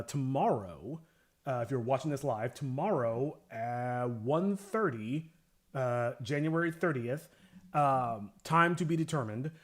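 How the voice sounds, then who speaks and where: A man hosting a casual livestream about his animation work, rambling and joking with many fillers. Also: medium pitch. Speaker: animator streamer.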